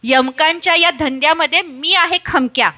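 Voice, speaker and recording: A woman's voice: high-pitched, moderate pace, bright, forceful tone, dull audio. A woman reading the part of a playful old grandfather who teases in rhymes. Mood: teasing. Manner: teasing, joking.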